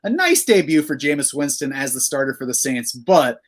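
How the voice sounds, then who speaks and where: Male podcast host, mid pitch, steady analytical chat. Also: moderate pace. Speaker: fantasy football analyst.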